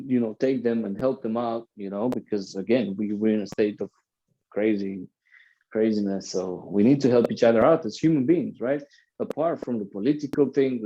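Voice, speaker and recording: A Romanian man with a warm, medium-pitched voice chats casually on a muffled recording. He's an NFT community host who rambles earnestly and keeps tacking on "right?" and "you know".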